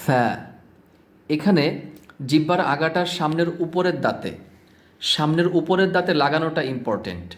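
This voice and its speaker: A man with a Bangladeshi Bengali accent, teaching Quran pronunciation and repeating each letter sound slowly as he demonstrates. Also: on the high side, animated. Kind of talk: pronunciation lesson.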